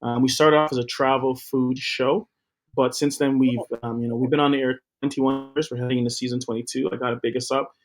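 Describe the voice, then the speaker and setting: A man's voice: medium pitch, level tone, brisk. A middle-aged man talks about his work as an interview guest in an upbeat, promotional way, with a few fillers along the way. His voice sits in a mid-range register. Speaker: guest, TV co-founder. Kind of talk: interview talk.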